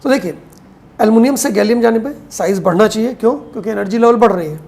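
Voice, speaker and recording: Woman, chemistry teacher, classroom lecture, explains and answers her own questions, slow dictation, Hindi-English mix. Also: fairly high pitch, vocal fry, a little mellow. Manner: explanatory, poses questions and answers them, slows to dictate notes.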